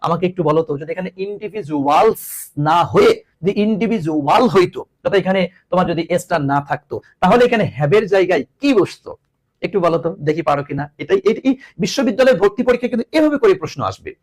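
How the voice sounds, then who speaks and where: High, lively male teacher explaining. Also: fast talker. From Bangladesh. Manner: explains line by line, often asks students questions; mixes English words into his teaching. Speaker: English teacher. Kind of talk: online class lecture.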